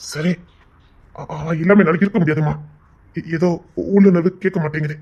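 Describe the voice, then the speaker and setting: A man's voice: a little high, steady tone, moderate pace, lightly acted. A man voicing a domineering young man from a gangster family who insists on marrying a girl. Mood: insistent. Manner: commanding, insistent. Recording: dull lo-fi audio.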